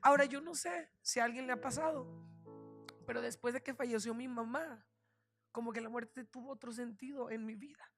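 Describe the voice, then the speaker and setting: A middle-aged woman, a guest pastor, preaching an emotional sermon that swings between soft hushed telling and fervent shouted prayer. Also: fairly high pitch, steady tone, moderate pace. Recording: church with loud music behind. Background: music playing.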